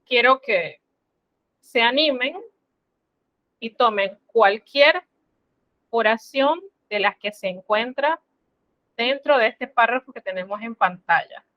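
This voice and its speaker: A woman's voice: a little high, no echo, muffled recording. A woman teaching a French class online, explaining step by step in a patient, instructive way. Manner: slow, patient, instructive, addresses students formally.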